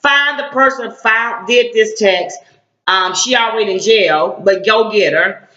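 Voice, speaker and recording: A man's voice: high voice, unhurried, pushed and bright. A middle-aged man, a civil rights activist, delivering a blunt, confrontational, slangy online rant. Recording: echoey, dull lo-fi sound.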